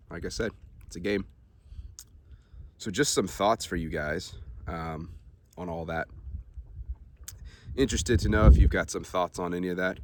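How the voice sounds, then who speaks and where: A man vlogging in a relaxed, rambling way, with many ums and uhs, talking to his viewers. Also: deep voice, slight background noise. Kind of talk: casual talk to camera.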